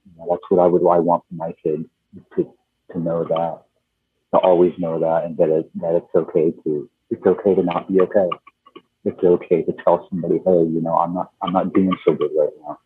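A man with a very deep, raspy voice speaks earnestly, often restarting his phrases. The sound is dry and phone-like, tinny and narrow. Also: level tone, a little fast, dry recording. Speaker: contributor speaking about his children. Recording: phone-line husky dry audio.

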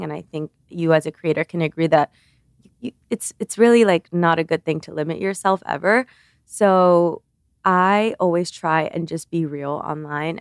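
A woman's voice: lowish voice, clear, resonant tone, dry recording, clean studio sound. A woman in her twenties, born in Cuba, talking casually and earnestly as an interview guest, with lots of fillers and restarts. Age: 20s. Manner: chatty, earnest, frequent "like" and restarts. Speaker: guest, beauty creator.

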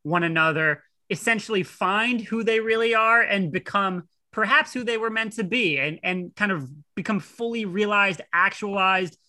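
A man's voice: high-pitched, normal speed, few pauses, bright, forceful tone, no echo. A man co-hosting a podcast, chatting in a playful, joking way. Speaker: podcast co-host. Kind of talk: casual chat.

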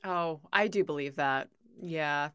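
A woman's voice: low voice, takes it slowly, a bit bright, clean tone, dry recording. A woman co-hosting a podcast in a bubbly, giggly way, playfully acting out her own reactions. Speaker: podcast co-host. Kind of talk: casual podcast chat.

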